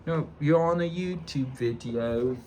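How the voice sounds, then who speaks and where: A man's voice: fairly high pitch, a little slow, warm tone, lightly acted. A man in a DIY car repair vlog doing a mock British accent, rambling chattily over a noisy background. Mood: chatty. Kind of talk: casual chat.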